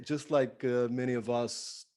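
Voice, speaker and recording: Speaking at a measured pace with a steady tone, the Bulgarian entrepreneur answers interview questions conversationally. He's a productivity speaker appearing as a podcast guest, his mid-range voice dark, his phrasing enthusiastic and emphatic.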